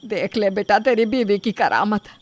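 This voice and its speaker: A woman voicing a sharp-tongued middle-aged mother-in-law who scolds sarcastically. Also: medium pitch, normal speed, natural voice. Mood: scolding.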